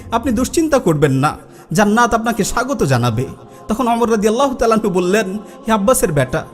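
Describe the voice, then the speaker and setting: A man delivers an emotional storytelling sermon in a very high voice, acting out quoted lines with dramatic intensity. Soft music plays faintly beneath his voice. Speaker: Islamic preacher.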